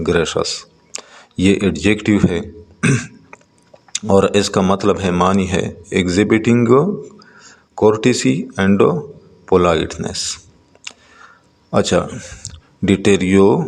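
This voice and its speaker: A man teaching a textbook lesson, reading English lines slowly and then explaining them, with frequent hesitant pauses. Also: deep voice, gravelly, big-room sound.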